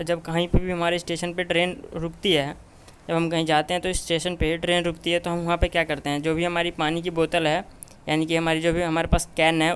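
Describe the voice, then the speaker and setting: A man's voice: a little high, fairly bright tone, smooth. A man teaching a memory tutorial, explaining step by step and checking in with "okay" after nearly every phrase. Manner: repeats "ठीक है" and short checks constantly. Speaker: memory trainer teaching mnemonics.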